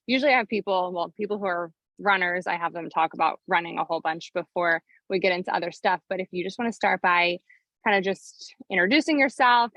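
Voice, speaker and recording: A woman's voice: lowish voice, fairly bright tone. A woman hosting a podcast, chatting in a friendly, rambling way while recording outside in her backyard. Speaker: podcast host, running coach. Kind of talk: casual podcast intro and interview. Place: outdoors in a backyard.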